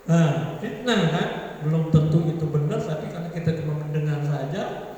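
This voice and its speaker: A man preaching in a loose, chatty way, breaking into little laughs and quick acted-out voices. His voice sits a bit high, and it carries from a distance through a long, booming church-hall echo. Faint room ambience sits behind him. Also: dark tone, dull audio, slight background noise. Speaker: pastor. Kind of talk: sermon. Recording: echoey church hall from far off.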